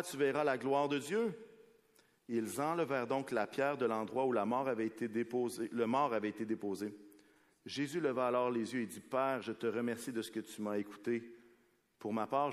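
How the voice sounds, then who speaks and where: A man with a Québécois French accent preaches before a congregation. He reads scripture slowly, then comments with growing intensity and jokes with the people in front of him. His mid-pitched voice rings out with the long reverb of a large hall. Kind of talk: sermon with scripture reading.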